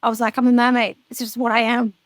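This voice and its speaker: A woman in her thirties, a podcast guest, chatting casually and telling animated stories with plenty of swearing. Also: fairly high pitch, fast talker, no echo. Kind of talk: casual chat.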